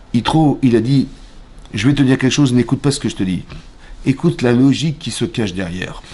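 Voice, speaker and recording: A man teaching a lively Torah class in a synagogue, acting out shouts and sounds and questioning his listeners. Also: medium pitch, slightly rough. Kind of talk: animated Torah lesson.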